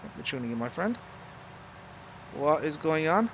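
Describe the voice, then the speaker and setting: A man's voice: fairly high pitch, big pitch swings, normal speed, a bit bright, a little hiss or hum. A middle-aged Irish man chatting casually with viewers while he plays, rambling with lots of fillers and mild swearing. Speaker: live game streamer. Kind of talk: casual live-stream chat while gaming.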